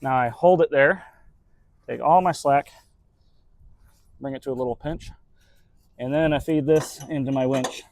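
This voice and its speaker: A man's voice: mid-range voice, unhurried, long pauses, darkish tone, slight background noise. A truck driver talking casually to his camera while he works, in a laid-back, chatty way with casual swearing. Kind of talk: casual vlog narration.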